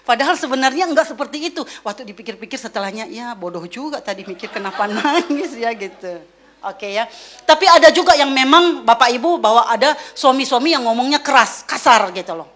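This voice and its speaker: A middle-aged woman giving a lively church teaching, acting out quoted voices as she speaks. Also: fairly high pitch, fairly quick. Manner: lively, acts out quoted voices, mixes in English words.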